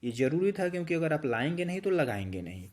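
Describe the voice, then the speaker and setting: A man's voice: fairly high pitch, sing-song, quick pace, darkish tone. A man with a Hindi accent giving a patient, explanatory lesson to his channel, walking through each idea with everyday examples. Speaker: YouTube instructor.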